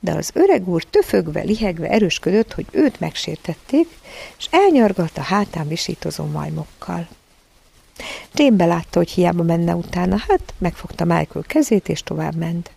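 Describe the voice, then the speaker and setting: A woman narrating a children's storybook in a calm, even reading voice. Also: lowish voice, creaky, slightly rough. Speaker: audiobook narrator.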